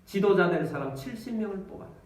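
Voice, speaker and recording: A man voicing God as a calm, commanding divine voice, in a sermon recorded from a distance in an echoey church. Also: high-pitched, fast talker, voice pushed up.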